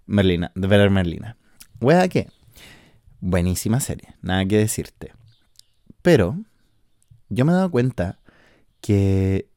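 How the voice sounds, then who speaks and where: His voice is on the low side and mellow, recorded at studio quality with no room sound. He is a Chilean podcast host in his twenties, talking from his countryside house in a casual monologue that is chatty and slangy, with swearing and lots of fillers.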